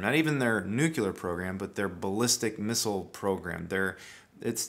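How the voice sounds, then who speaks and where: A man's voice: on the low side, fairly bright tone. A middle-aged American man giving an earnest, emphatic spoken teaching, often restarting his phrases. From United States. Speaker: Bible teacher.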